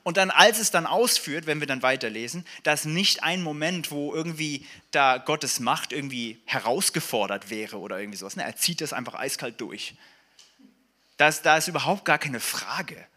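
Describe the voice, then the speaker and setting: A man preaching a sermon in a casual, animated way, with fillers and humor, reading scripture aloud. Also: fairly high pitch, moderate pace. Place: church service hall.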